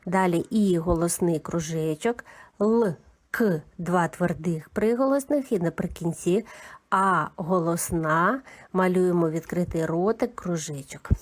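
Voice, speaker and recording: A woman giving a calm, methodical lesson for young children, naming each sound of a word one by one. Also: fairly low pitch, unhurried. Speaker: teacher. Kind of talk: slow, patient children's literacy lesson.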